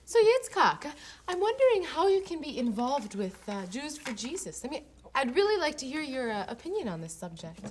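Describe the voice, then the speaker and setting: A woman's voice: sits high, very animated, fairly quick, a little hiss or hum. An actress playing a blunt, confrontational young woman, on a studio set. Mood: pointed. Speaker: actor. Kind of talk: sitcom acting.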